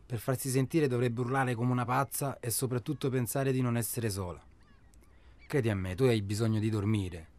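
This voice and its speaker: An actor in a radio drama playing a calm man who flatly dismisses his companion's fears. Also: mid-range voice, normal speed, lightly acted. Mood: dismissive. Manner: flat, matter-of-fact, dismissive.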